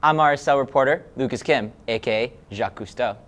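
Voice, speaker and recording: Young man, sports show host, scripted anchor read, upbeat, playful, mid-pitched. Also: brisk, a bit bright.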